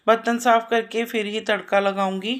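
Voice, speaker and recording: Her voice sits a little high, with little pitch movement and a moderate pace. A mother and vlogger in her thirties, she gives a cozy, talkative voice-over of her housework, often repeating herself.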